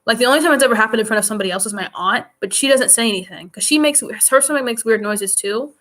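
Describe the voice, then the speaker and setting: A young adult woman vlogger chats casually to her viewers from home, close to a computer mic. Her voice is fairly high and a bit bright, her pace quick, and her talk rambling and giggly.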